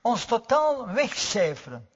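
A man's voice: very high voice, huge pitch swings, measured pace, slightly rough. A man preaching a sermon earnestly, repeating key words for weight. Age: 90s. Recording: dull, reverberant hall recording.

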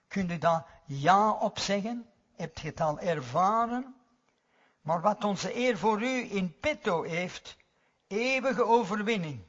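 A man's voice: sits high, fairly bright tone. Old guy in his 90s preaching, muffled recording w long hall echo. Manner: slow, earnest preaching, repeats key words. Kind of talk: sermon. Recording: dull, reverberant hall recording.

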